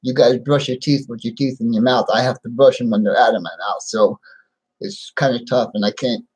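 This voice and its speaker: A man speaking without his teeth in a halting, plain-spoken way, repeating himself as he chats casually on a live stream. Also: medium pitch, steady tone, a little mellow, husky, rough recording. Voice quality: toothless, slightly slurred speech without dentures. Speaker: livestream host.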